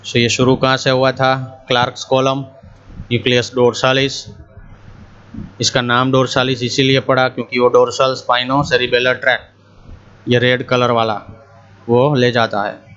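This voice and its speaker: A man giving a slow, deliberate anatomy lecture, switching between Hindi and as he walks through a diagram. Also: mid-range voice, monotone, a bit bright, clean tone. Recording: muffled, slightly lo-fi screen recording.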